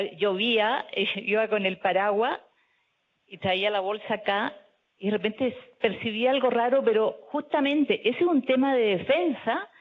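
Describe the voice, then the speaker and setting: A woman telling a personal story at a panel talk, animated and loud at times. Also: medium pitch. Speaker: speaker at a panel discussion. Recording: tinny phone-like audio.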